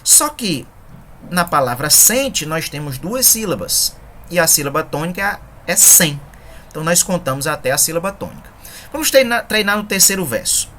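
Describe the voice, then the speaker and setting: A woman with a low voice explains poetic meter in an online lesson. She is patient and methodical and counts syllables aloud one by one, over a faint background hiss. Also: sing-song, moderate pace, a bit bright. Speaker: poetry teacher.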